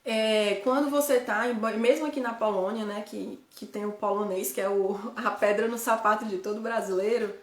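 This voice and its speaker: A woman's voice: medium pitch, steady tone, moderate pace, few pauses, reverberant. A woman from Ceará, Brazil, with a Northeastern Brazilian accent, talking casually to viewers as a host, often tagging her sentences with questions and correcting herself as she goes. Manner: chatty, frequent tag questions, self-correcting. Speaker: host, guide living abroad. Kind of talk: casual live chat to viewers.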